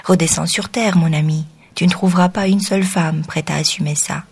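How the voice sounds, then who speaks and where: A woman reading an audiobook, voicing a blunt male friend who teases quietly. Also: fairly low pitch, steady tone, fairly quick, gravelly, slightly rough. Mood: teasing.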